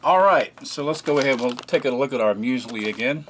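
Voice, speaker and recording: A man casually narrating a food taste test, relaxed and chatty, often pausing with fillers as he eats. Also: medium pitch, a little hiss or hum. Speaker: food reviewer.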